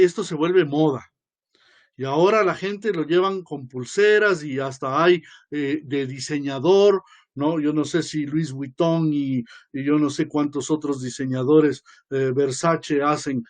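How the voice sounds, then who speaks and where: Archbishop type, high-pitched man, loose lecturing delivery with asides and tag questions. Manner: conversational, often adds tag questions; acts out quoted voices. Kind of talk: informal religious lecture.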